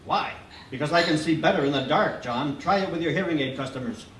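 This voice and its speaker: Brief: a man doing a gruff, wisecracking old-time doctor, raised and loud, heard from a distance in a roomy hall. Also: fairly high pitch, a little fast, slight background noise, lightly acted. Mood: smooth joking. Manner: gruff mock-grumpy jokes, bursts of loud complaint. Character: wisecracking fast-talking male country doctor.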